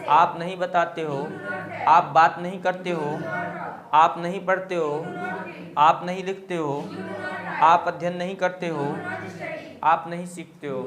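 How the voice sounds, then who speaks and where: A man teaching an English grammar lesson to a class, drilling sentences one by one and often checking in with "okay". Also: a little high. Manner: drills sentences slowly, repeating "ठीक है". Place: classroom with students. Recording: echoey classroom with loud students.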